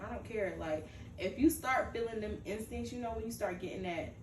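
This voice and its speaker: A woman's voice: mid-range voice, a little fast. A woman in her twenties hosting a casual girl-talk chat, loose and joking, laughing often. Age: 20s. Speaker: host. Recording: roomy, distant mic with faint noise.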